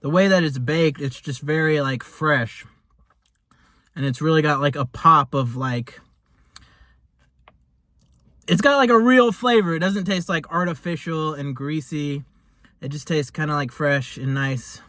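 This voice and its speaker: A man's voice: a little high, measured pace, long pauses, a bit bright, no echo, studio quality. A man giving a casual, rambling food review in a laid-back, chatty way, as host of a taste test. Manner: rambling, laid-back, hesitant phrasing with lots of "like".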